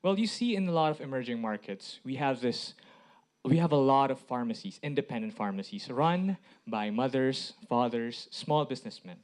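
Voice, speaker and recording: A man's voice: mid-range voice, lively intonation, normal speed, a little mellow. A man from the Philippines giving a public presentation in short phrases, often posing rhetorical questions. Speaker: IT director presenting as a speaker.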